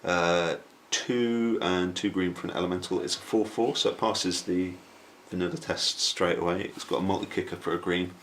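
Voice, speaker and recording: A man with a deep, low voice runs through cards in a loose, jokey chat. A faint hiss of background noise sits under the recording. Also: fairly even intonation, moderate pace, hardly any pauses, fairly bright tone. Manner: jokey, breaks into silly put-on voices. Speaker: card game reviewer. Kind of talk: casual chat.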